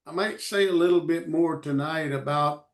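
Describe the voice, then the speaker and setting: A man teaching a Bible study in short phrases, pausing for an interpreter, halting with many fillers. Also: on the high side.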